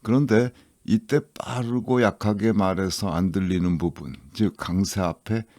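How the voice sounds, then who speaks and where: Slow, deep-voiced male lecturer. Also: dark tone, dry recording, clean studio sound. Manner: slow, explanatory, reads English examples aloud. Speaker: English listening instructor. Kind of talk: scripted lecture narration.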